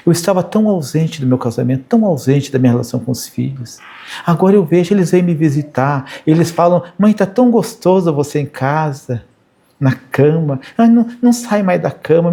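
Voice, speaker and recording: Middle-aged man, high and mellow voice, informal sermon full of anecdotes. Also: gravelly. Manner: chatty, anecdotal, frequent "né?" tags. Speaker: spiritist speaker. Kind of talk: informal spiritual talk with anecdotes.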